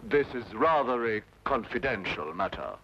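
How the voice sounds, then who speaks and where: In an old radio drama, a man plays a stern, suspicious middle-aged father who is blustery and grudging, sounding gruff and indignant. His mid-range voice is animated, pushed and bright at a moderate pace, on a dull old recording with faint noise.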